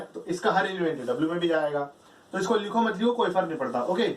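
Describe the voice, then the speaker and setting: A man with a high voice lectures on math, walking through each step and answering his own questions. He sounds set back from the mic. The room around him is echoey. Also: recorded from a distance. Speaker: math teacher.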